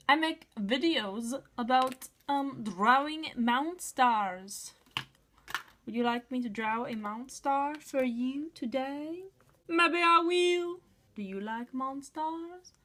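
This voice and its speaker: A woman's voice: sits high, slow pace, fairly bright tone. A woman making a playful drawing vlog, talking in a whimsical, sing-song way full of silly noises. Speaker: artist and video maker.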